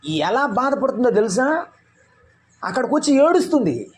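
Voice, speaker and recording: A man's voice: very high voice, big pitch swings, moderate pace, breathy edge. A man preaching a sermon as pastor, firing rhetorical questions at the congregation.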